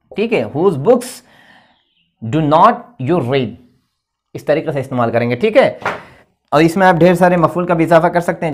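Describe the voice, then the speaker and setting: Man explaining English grammar. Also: fairly high pitch. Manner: patient, repetitive explaining with frequent checks. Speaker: English teacher. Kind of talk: online grammar lesson.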